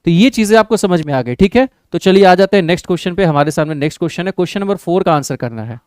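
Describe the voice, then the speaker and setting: A man teaching an exam-prep English grammar lesson with an Indian accent, often checking in with his class and reading English sentences out slowly. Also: high-pitched, expressive, darkish tone, no echo. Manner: checks in with the class, calls students "babu" and "bhai".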